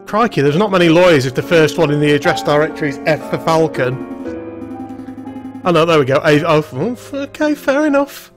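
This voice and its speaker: A man's voice: fairly high pitch, expressive, fairly quick, faint music behind. A man streaming a game, reading the on-screen text aloud and adding wry, jokey asides in a casual let's-play style.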